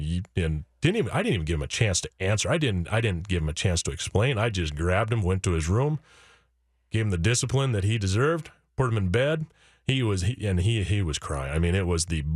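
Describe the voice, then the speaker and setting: A man with a low voice tells a story from his family life in an earnest way. He acts out his own words and his kids' words, often restarting his sentences. The sound is dry and close, as if on a studio microphone. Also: no room sound. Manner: earnest, quotes himself and his kids, many restarts. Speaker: author and guest. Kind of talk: personal storytelling in a conversation. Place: radio studio.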